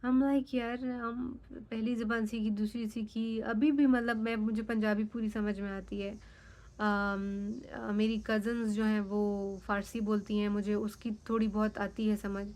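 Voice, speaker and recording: A woman's voice: medium pitch, little pitch movement, a little slow, darkish tone. A young Pakistani woman, a native Sindhi speaker with a Sindhi accent, chatting frankly and casually as a vlogger, dropping English phrases into her talk. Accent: Sindhi-accented Urdu. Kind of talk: casual chat.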